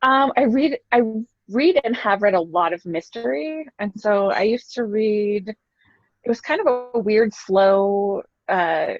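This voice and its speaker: A woman author chats as a podcast guest, her voice gravelly with fry. She laughs easily and hesitates with ums. The sound is dry and a little muffled. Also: medium pitch, lively intonation, slow pace, no echo. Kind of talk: casual interview chat.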